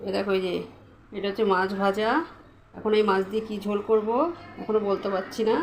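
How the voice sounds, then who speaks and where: A woman's voice: mid-range voice, little pitch movement, a little fast, a little hiss or hum. A woman vlogger chatting casually as she shows the dishes she has cooked, constantly telling viewers to look. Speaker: lifestyle vlogger. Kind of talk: casual cooking vlog chat.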